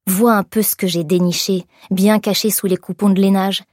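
A woman voicing a gruff, leering man in his forties with a gravelly voice, mocking and coaxing in an audiobook. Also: medium pitch, fairly even intonation, normal speed, darkish tone, no echo, studio quality, lightly acted.

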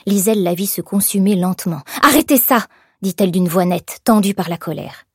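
A woman narrating a novel in an even, measured storytelling manner. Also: on the low side, husky, dry recording, clean studio sound.

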